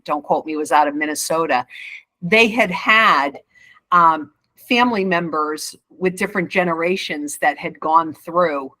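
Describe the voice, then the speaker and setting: A woman's voice: fairly low pitch, sharp tone, dry recording, poor audio. A woman hosting an interview podcast, reflecting on senior care and reacting with enthusiasm. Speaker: podcast host. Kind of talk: conversational interview.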